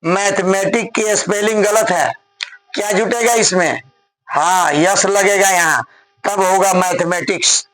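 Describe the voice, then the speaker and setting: Slow, high-voiced male grammar teacher. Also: fairly even intonation, a bit bright, no room sound, soft background music, poor audio. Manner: spells words out letter by letter and scolds students teasingly. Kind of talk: classroom grammar lesson.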